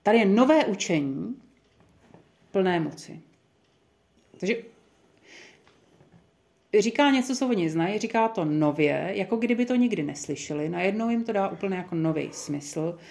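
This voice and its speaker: A woman's voice: medium pitch, expressive, creaky, pauses often, darkish tone. Woman, Bible study leader, conversational, hesitant fillers, thinking aloud. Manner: thoughtful, chatty, with many fillers and restarts. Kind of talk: leading a group Bible study.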